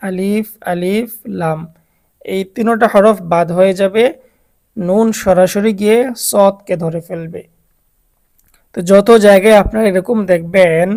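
A Quran reading teacher speaks with a Bangladeshi Bengali accent at an unhurried, patient pace. The voice sits in a middle pitch and walks through each rule step by step. Key points are repeated, and the teacher asks the learners questions along the way. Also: a little mellow. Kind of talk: recorded step-by-step lesson.

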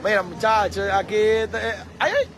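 A Dominican-accented man reports live from the street on his phone, his commentary excitable and packed with exclamations and laughter. His voice is high and his pace moderate. Crowd and traffic noise fill this noisy livestream.

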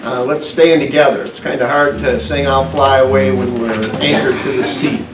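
Folksy pastor echoing from far off. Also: male voice, mid-range voice, steady tone. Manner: casual, folksy, with halting fillers and restarts. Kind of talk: sermon and service announcements. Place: church hall, indoors, medium-sized room. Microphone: far camera picking up the room's PA. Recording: echoey room from far off, faint hiss.

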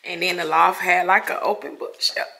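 A woman's voice: fairly low pitch, fairly even intonation, brisk, vocal fry, pushed and bright. A young woman, crying through an emotional vlog house tour, exclaiming and calling her viewers y'all, filmed on a handheld phone in an empty new house. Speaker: vlogger.

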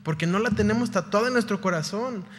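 A man's voice: sits high, quick pace, a bit bright, in a large hall. A man preaching a sermon, firing rhetorical questions and rising to fervent peaks. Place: church sanctuary.

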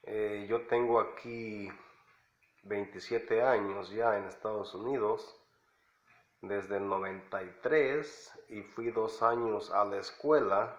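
A middle-aged man teaching an English lesson, who says each phrase slowly twice, with many fillers. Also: lowish voice, steady tone. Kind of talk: slow language lesson. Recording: echoey, dull lo-fi room sound.

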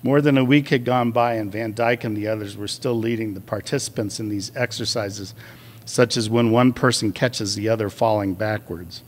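A male author reading aloud from his own novel, with a measured delivery and a few hesitant fillers. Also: on the low side, fairly even intonation, slight background noise.

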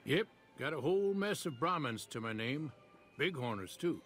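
An actor playing a proud, worried older cattle rancher in a video game, with a folksy American Western drawl. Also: male voice, fairly high pitch, animated, moderate pace, fairly bright tone, soft background music. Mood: proud, musing. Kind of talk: video game character dialogue.

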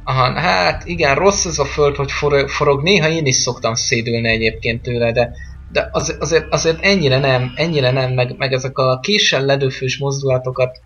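A man's voice: mid-range voice, fairly even intonation, a bit bright. A man giving casual, rambling let's-play commentary on a game, joking and chatting with the game's characters. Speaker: gameplay commentator.

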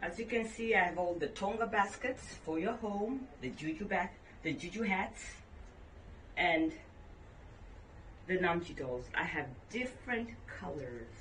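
A middle-aged woman from Tanzania, a gallery owner giving a guided tour of her shop with a friendly sales pitch. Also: animated, unhurried. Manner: warm sales pitch, showing items. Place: indoor gallery in a home. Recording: roomy and distant with background noise.

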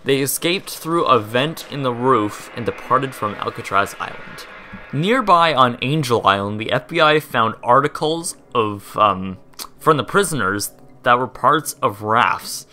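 A man's voice: medium pitch, expressive, a little slow, bright, forceful tone. A young man hosting a casual history video, chatty and rambling, laughing and tripping over words. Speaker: host.

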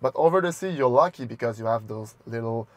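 A man's voice: medium pitch, expressive, quick pace. A man co-hosting a casual car review, giving blunt, direct opinions. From Canada.

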